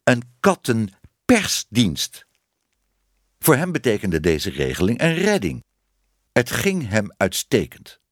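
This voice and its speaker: Expressive male storybook narrator. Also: fairly low pitch, unhurried, no room sound, studio quality. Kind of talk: audiobook reading.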